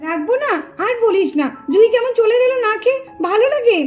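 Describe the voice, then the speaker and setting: Woman voicing a scolding cartoon mother, very high, shrill, fussing, faint music behind. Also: expressive, brisk, a little mellow, lo-fi sound. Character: fussy scolding young mother, house wife.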